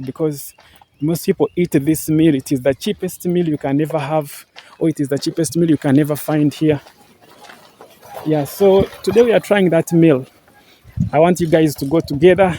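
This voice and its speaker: Here a young Ugandan vlogger, pitched on the high side with a steady, warm tone at normal speed, chats to camera on an outdoor walk through green farmland. His Ugandan English is casual and earnest, repeating itself with many fillers and repeated thanks to viewers.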